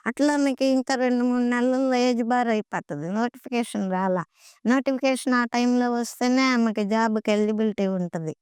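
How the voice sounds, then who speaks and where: A woman's voice: on the high side, steady tone, normal speed, darkish tone, clean tone, dry recording, studio quality. A middle-aged woman earnestly recounting devotional experiences, often repeating phrases for emphasis. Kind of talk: conversational storytelling.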